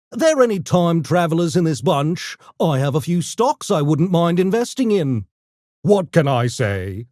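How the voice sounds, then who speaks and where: A male voice lines up a pompous, genteel gremlin for a video game: an urbane, mischievous, genetically engineered intellectual creature. He speaks slowly and theatrically in a posh, mock-polite manner, with sweeping swoops of intonation, and his voice sits high and a little mellow. The recording is clean studio sound with no echo.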